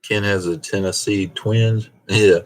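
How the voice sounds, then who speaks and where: A man's voice: on the low side, steady tone, unhurried. A man hosting a casual live stream, reading viewer comments aloud and chuckling in a laid-back way. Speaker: host of a car channel live stream.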